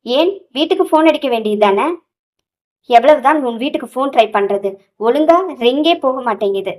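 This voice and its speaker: A woman's voice: high-pitched, expressive, fairly quick, a little mellow. A woman voicing an angry young man who scolds bluntly, in an audio novel. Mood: stern, scolding.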